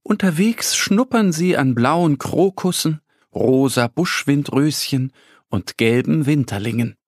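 A man narrating a children's story in a slow, expressive storytelling manner, recorded close in a studio. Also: on the high side, no room sound.

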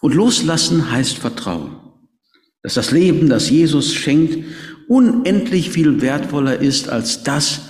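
Male preacher, gravelly, in an echoey church. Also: medium pitch, darkish tone. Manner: earnest, emphatic, repeating key words. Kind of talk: sermon. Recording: echoey reverberant hall.

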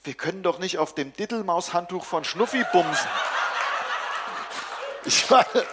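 Brief: a man with a fairly high voice, deadpan comic story reader. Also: a little fast, noisy background. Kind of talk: comic first-person story reading.

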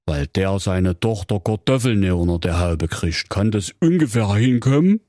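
A man voicing a bored fairy-tale hotline clerk who talks in a flat, bureaucratic drawl. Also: fairly low pitch, moderate pace, no room sound, clean studio sound, natural voice.

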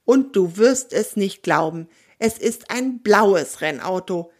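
A woman reads a children's story aloud, telling it in the first person. Her delivery is lively and expressive, and her pitch sits in a middle range. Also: slow. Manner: lively first-person narration with voiced dialogue.

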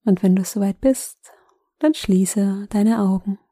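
A woman guiding a sleep meditation in a gentle, soothing, unhurried manner with long pauses. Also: mid-range voice, husky, no echo, clean studio sound. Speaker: meditation guide, host.

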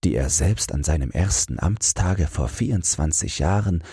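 A man narrating a fairy tale as a calm, soothing bedtime audiobook. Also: extremely low pitch, normal speed, husky, no room sound, clean studio sound.

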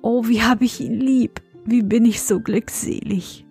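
A woman's voice: fairly high pitch, steady tone, a little slow, darkish tone, husky, soft background music, full character voice. A woman voicing a dreamy, blissful young woman in love in a storybook, whispering breathily.

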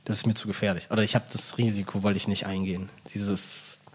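A husky-voiced man from Swabia chats as a podcast guest, telling stories with lively enthusiasm. He swears casually and tosses in English phrases. His delivery is relaxed and conversational. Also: lowish voice, fast. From Swabia, Germany. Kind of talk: casual chat.

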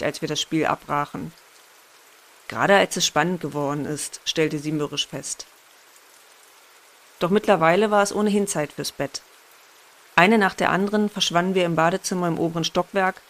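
A woman narrating a first-person horror story in a measured, suspenseful way. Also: on the low side.

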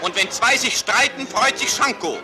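This is a man's voice from an old newsreel soundtrack. He calls the match in a brisk, declamatory announcer manner with a strikingly high voice. Loud music plays under the whole commentary. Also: expressive. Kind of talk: 1950s newsreel sports commentary.

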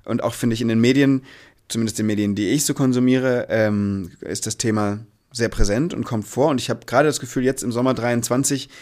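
Male interview guest, mid-pitched, earnest and thoughtful, conversational, feeling his way toward phrasing. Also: fairly quick, a little mellow. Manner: reflective, earnest, searching for words.

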